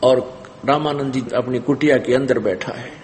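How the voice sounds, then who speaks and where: A man's voice: medium pitch, moderate pace, a little mellow, big-room sound, slight background noise. A man telling a devotional story in a sermon, acting it out dramatically. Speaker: preacher.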